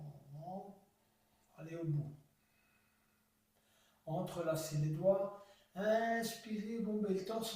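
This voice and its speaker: A man guiding a yoga class, giving slow, calm cues timed to the breath. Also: high-pitched. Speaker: yoga teacher. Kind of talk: guided yoga class instruction. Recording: echoey room, voice from far off.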